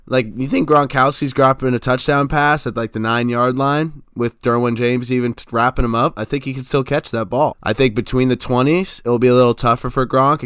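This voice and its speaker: A man's voice: medium pitch, fairly bright tone, smooth, no echo, clean studio sound. A man co-hosting a sports podcast, giving opinionated football analysis in casual chat. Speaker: podcast co-host.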